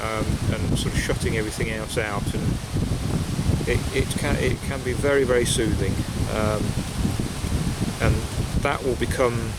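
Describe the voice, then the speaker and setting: A man's voice: mid-range voice, steady tone, moderate pace. A man chatting casually and reflectively, with a hesitant, meandering delivery, outdoors in woodland. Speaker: pipe-smoking vlogger. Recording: outdoor wind noise, basic equipment. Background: wind and rustling leaves.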